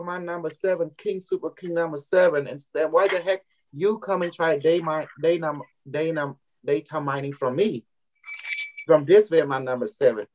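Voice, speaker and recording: A man's voice: a little high, darkish tone, slight background noise, poor audio. A man with a Cambodian accent and non-native English talking casually to his followers as a trainer, often repeating words and using loose grammar. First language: Khmer. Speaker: trainer and group leader. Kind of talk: casual live talk to followers.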